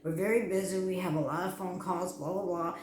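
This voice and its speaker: A woman's voice: fairly low pitch, fairly even intonation, a little fast, darkish tone, slight background noise, lightly acted. Woman mimicking a curt young phone agent. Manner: curt, impatient, brushing off. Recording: echoey room with faint ambience.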